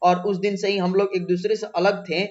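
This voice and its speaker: High-voiced man teaching a lesson. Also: level tone, normal speed, darkish tone. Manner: paraphrases then repeats exam points. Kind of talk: explaining a textbook chapter. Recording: dull lo-fi sound.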